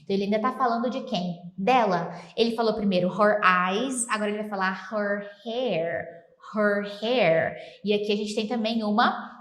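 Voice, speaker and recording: A Brazilian woman teaching English through song lyrics, slowly repeating English phrases to show their pronunciation. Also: mid-range voice, fairly bright tone, reverberant. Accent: Brazilian Portuguese. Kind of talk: explaining song lyrics to learners.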